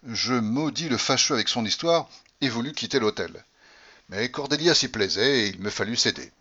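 A man giving a measured, expressive audiobook reading of a classic novel. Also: medium pitch, lo-fi sound. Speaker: audiobook narrator. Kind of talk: literary audiobook narration.

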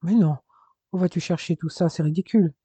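A man's voice: a little high, fairly quick, warm tone, slightly rough, no echo. A man voicing a desperate young husband overcome with grief, crying out and pleading. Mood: forced reassurance. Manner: pleading, sobbing outbursts.

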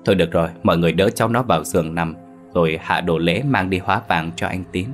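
A deep-voiced man doing a grave old ritual master. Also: fast, soft background music, natural voice. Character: old village male ritual master, solemn.

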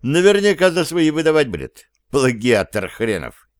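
A man's voice: fairly high pitch, big pitch swings, normal speed, no room sound, studio quality, voice pushed up. A man voicing a sly, grumbling companion who mocks a comrade in an audiobook. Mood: mocking. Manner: mocking, grumbling.

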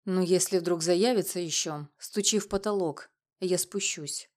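A woman reading an audiobook, voicing a huge, burly older male neighbor with a husky, gruff, growling voice. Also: on the low side, measured pace, a little mellow, close to an everyday voice. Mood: kindly.

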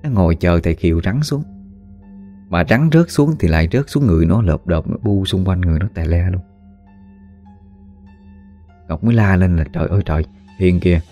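A man narrating a spooky story in a folksy, animated way, acting out the voices of the people in it. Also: low-pitched, normal speed, long pauses, soft background music. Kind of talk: spoken ghost story narration.

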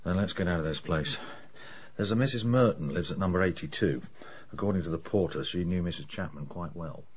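An actor playing a middle-aged English police inspector, dry, sardonic and matter-of-fact in a radio drama. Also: male voice, deep voice, fairly quick, husky. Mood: dryly impatient.

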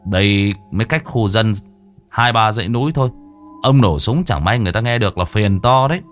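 A man voicing a confident young geomancer who reassures the group briskly. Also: fairly low pitch, expressive, faint music behind, natural voice. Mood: reassuring.

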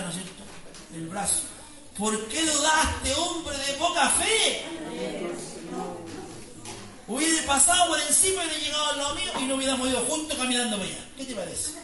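A man with a Chilean accent preaching a fervent sermon as pastor, rising to near-shouts and sing-song praise. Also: high voice. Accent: Chilean Spanish. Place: church hall. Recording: echoey church sound from a distance with congregation.

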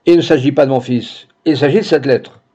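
A furious, grieving older doctor, as a male reader puts him on, bursting out with angry exclamations. The voice sits in a mellow middle register, and the lo-fi sound is dull. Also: mid-range voice, brisk, breathy edge, lightly acted. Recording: dull lo-fi recording.

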